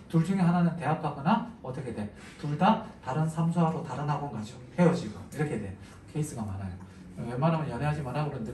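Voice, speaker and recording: A man with a fairly high voice gives a chatty, joking literature lesson and keeps asking his students questions. He sounds a little far from the mic in a roomy, echoing space. A clear noise runs behind him. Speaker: Korean literature teacher. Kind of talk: casual lecture to exam students. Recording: echoey room, mic at a distance, noisy.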